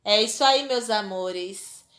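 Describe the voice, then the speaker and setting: A woman teacher giving a lesson to young children. She speaks in a slow, clear dictating manner, stretching out each example word, with a Brazilian Portuguese accent. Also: medium pitch, a bit bright, roomy sound.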